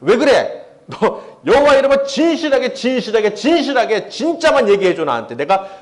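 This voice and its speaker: A man's voice: very high voice, sing-song, moderate pace, voice pushed up. A pastor acting out a petulant stubborn king. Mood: insistent. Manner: pleading, insistent.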